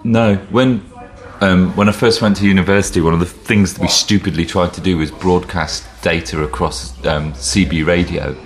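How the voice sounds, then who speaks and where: A man's voice: low-pitched, steady tone, moderate pace, hardly any pauses. A middle-aged man co-hosting a podcast in casual chat, telling anecdotes and laughing often. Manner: chuckling, anecdotal storyteller. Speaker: podcast co-host.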